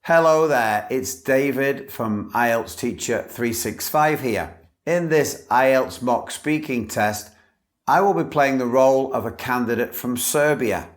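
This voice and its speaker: The speaker is a male English teacher voicing an exam candidate's scripted model answers. He talks slowly and carefully at a medium pitch, keeping every word clear.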